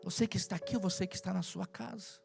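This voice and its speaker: A male pastor preaching a sermon to a live congregation, stacking long repetitive lists and dropping from loud to hushed. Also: high-pitched, fairly even intonation, fast, creaky, music in the background. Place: church service with live congregation.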